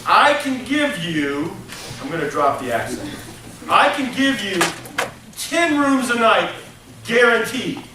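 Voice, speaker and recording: In an interactive college hospitality lecture, a man with a high, very animated voice speaks slowly while acting out business deals with his students. The recording is distant and echoey, with classroom noise in the background.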